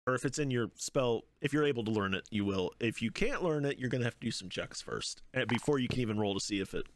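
A man's voice: mid-range voice, lively intonation, fast, slight background noise. A man acting as game master, explaining rules and narrating a tabletop game in a casual way.

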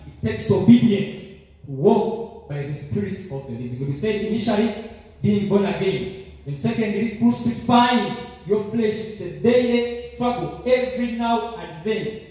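Young male preacher, high and mellow voice, fervent, repetitive, echoey hall, heard from far off. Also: expressive, unhurried. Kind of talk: sermon. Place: large church sanctuary, standing at a pulpit. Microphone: handheld mic, filmed by a far camera.

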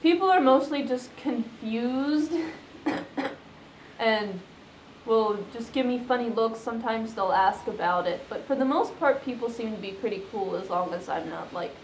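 A young woman answers questions in a casual, halting way, leaning on fillers. Her voice sits a little high. The room around her is echoey, with a faint hum of noise. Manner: hesitant, many fillers and "like". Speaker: interviewee, fursuiter.

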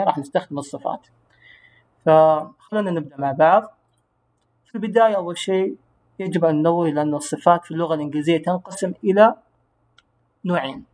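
A man, an English teacher giving a recorded grammar lesson, who explains patiently and slows down to pronounce English words. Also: high-pitched, darkish tone.

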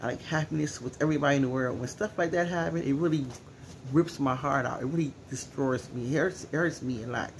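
Teary, gravelly-voiced man vlogging from home. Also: mid-range voice, quick pace, slight background noise. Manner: earnest, emotional, repeats himself. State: teary-eyed. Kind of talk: casual personal vlog talk.

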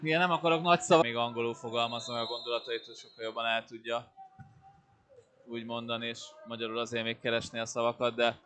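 Even-toned male co-commentator. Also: mid-range voice. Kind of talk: analytical sports commentary. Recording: faint pool-hall noise behind the voice. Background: indoor pool ambience.

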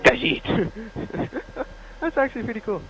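A man chatting casually while playing a game with friends, rambling and quick to exclaim. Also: very high-pitched, expressive, creaky, loud music behind the voice, rough recording. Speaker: co-player. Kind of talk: casual gameplay chat.

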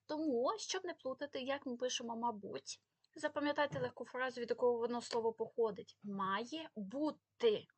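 Woman, language teacher, explanatory, higher voice, dry recording. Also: fairly quick, breathy edge, dry recording. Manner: explanatory, stresses example words. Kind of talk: spelling lesson.

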